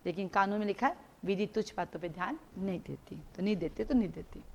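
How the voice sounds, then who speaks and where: A woman teaching a live law class, explaining through lively everyday stories, mixing Hindi with English legal terms and repeating key points for students to note. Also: medium pitch, fast, muffled recording, slight background noise. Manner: animated storytelling with everyday examples.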